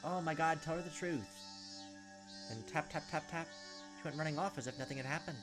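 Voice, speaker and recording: Speaking fairly quickly in a slightly high voice, a man hosts gameplay by reading out visual novel narration and interjecting blunt, offhand reactions. The webcam session takes place indoors at a desk, with game music and insects audible in the background.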